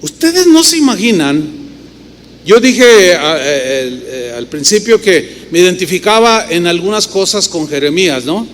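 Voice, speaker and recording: A man's voice: high voice, unhurried. A middle-aged man with a Mexican accent, preaching a sermon as pastor and telling stories with rhetorical questions. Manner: animated storytelling with rhetorical questions. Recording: reverberant hall with faint noise.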